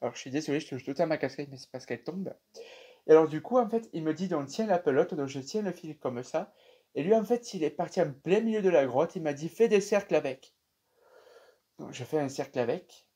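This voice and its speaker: Young man, French accent, casual storytelling, chatty, mellow voice, fairly high pitch. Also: fairly quick, husky. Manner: animated, chatty, many fillers. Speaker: YouTuber telling a dream.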